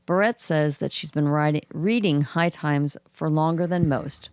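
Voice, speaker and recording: A woman podcast co-host with a low, froggy, gravelly voice reads cannabis news aloud casually. She moves through the items at a measured, even pace, clearing her throat now and then. The recording is dry.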